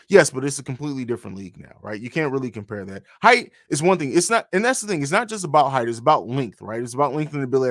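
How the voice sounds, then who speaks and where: A man's voice: mid-range voice, no room sound, clean studio sound. A man hosting a live stream, chatting casually and answering viewer comments with frequent fillers. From grew up in Italy and Germany. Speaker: podcast host.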